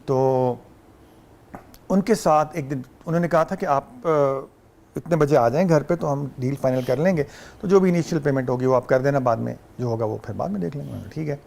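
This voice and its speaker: A man with a Pakistani Urdu accent, a guest on a talk show, telling stories in an animated way and sometimes mimicking Arabic phrases. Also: medium pitch, vocal fry. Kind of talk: casual talk show conversation.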